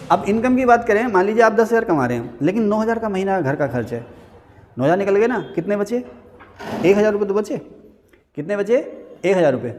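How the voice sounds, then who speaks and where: A man teaching an economics class in a classroom, joking and quizzing his students in a conversational way. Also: sits high. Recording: hall reverb.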